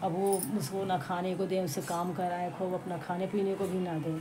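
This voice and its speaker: A woman's voice: on the low side, level tone. Woman telling a folk tale, noisy home recording. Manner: chatty, halting, with restarts and asides to listeners. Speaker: storyteller. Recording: home recording with clear background noise.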